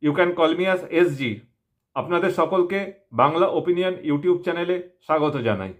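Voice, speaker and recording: A man's voice: on the high side, lively intonation, normal speed. A man with a West Bengal Bengali accent introducing himself to viewers as a channel host, speaking through a face mask. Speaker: YouTube opinion channel host. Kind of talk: self-introduction talk to viewers.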